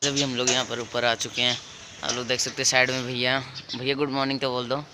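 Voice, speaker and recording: A teenage boy with a slightly hoarse voice from a cold, recording a casual daily vlog on a handheld phone and speaking slowly and carefully. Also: mid-range voice, little pitch movement, background noise. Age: teens. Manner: talks slowly and carefully on purpose. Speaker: vlogger.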